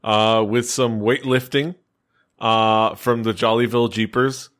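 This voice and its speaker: A man's voice: on the low side, flat delivery, a little slow, fairly bright tone. A man hosting a casual podcast chat, rambling and chuckling as he talks. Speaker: podcast host.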